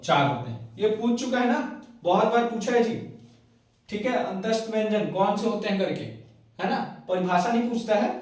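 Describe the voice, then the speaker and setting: A man's voice: high-pitched, a little mellow. A man teaching a Hindi grammar lesson, spelling out sounds one by one and often checking whether the class has understood. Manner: repeats "clear hai?" and "hai na" often. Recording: very echoey room, voice from a distance.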